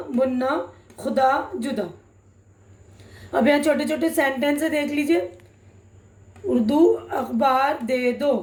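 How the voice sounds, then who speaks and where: A young woman with a high, light voice gives an online language lesson. She reads each example word slowly and carefully, and keeps pausing to check that her students are following. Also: roomy sound. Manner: reads example words slowly and deliberately, with frequent checking tags. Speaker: Urdu teacher.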